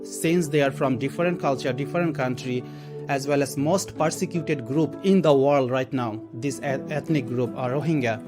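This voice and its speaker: A man from Bangladesh who works for a literacy program, speaking earnestly in an interview and often restarting his phrases. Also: medium pitch. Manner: earnest, explanatory, with halting restarts. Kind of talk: documentary interview segment. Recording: interview over background guitar music.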